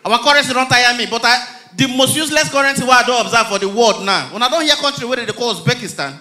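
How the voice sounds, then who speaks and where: Nigerian guy doing standup, high voice, super bright, acts out all the characters. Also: fast. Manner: lively storytelling, acting out characters. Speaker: stand-up comedian. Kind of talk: stand-up comedy routine.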